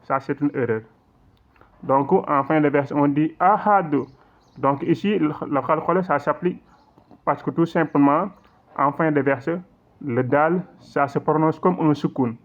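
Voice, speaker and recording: A man with a somewhat high voice teaches recitation in an online lesson, repeating points patiently and checking that listeners follow. He recites his examples slowly and with a drawn-out delivery. The audio is thin and tinny, like a phone line. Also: steady tone. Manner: patient, repetitive explaining with frequent check-ins; slow drawn-out recitation in demonstrations.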